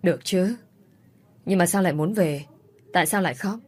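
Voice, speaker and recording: A woman's voice: fairly low pitch, normal speed, a little mellow, close to an everyday voice. A woman voicing a worried, tender middle-aged mother who soothes her daughter over the phone. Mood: gentle worried. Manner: soothing, coaxing.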